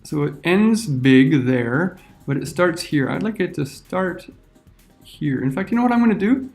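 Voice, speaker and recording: Man talking through a software tutorial. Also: on the high side, expressive, unhurried, faint music behind. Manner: talks through each step while clicking. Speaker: teacher. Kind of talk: screen-recorded software tutorial.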